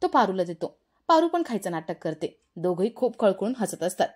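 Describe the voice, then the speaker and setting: A woman narrating a television serial recap in a plain, steady storytelling way. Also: mid-range voice, a little fast, slightly rough. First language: Marathi.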